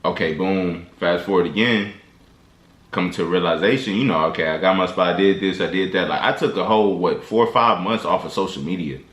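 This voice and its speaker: A low-voiced vlogger with a fairly bright tone speaks a little fast. He gives casual motivational advice to his viewers, slangy and loose with lots of restarts, recorded in an echoey room.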